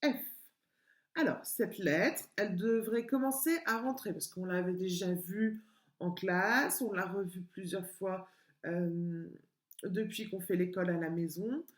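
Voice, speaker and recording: Woman teaching little kids from home, real slow and singsongy, roomy echo. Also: lowish voice. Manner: slow, sing-song, stretching out sounds for small children. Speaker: kindergarten teacher. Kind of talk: home-schooling lesson video for young children. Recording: echoey room.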